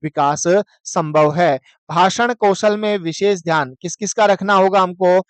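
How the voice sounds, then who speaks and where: Male lecturer, high crisp voice, dry close sound, quizzing style. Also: no room sound. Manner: chants verses slowly, asks and answers own questions. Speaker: teacher. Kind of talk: exam-prep lecture.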